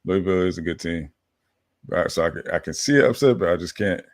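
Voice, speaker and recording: Laid-back low-voiced man hosting. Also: animated, quick pace, no echo. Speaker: podcast host. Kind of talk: casual sports chat.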